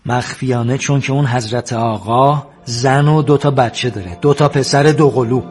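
An actor playing a smug police interrogator who calmly presses and taunts a suspect. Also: male voice, mid-range voice, soft background music, lightly acted. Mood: taunting. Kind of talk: TV drama acting.

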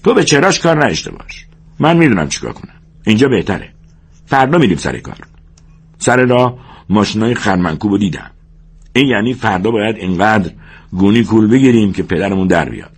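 A man voicing a sharp-tongued exasperated ranch hand. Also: on the low side, animated, husky. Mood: scolding. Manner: scolding, raised voice, emphatic. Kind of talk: audiobook character voice.

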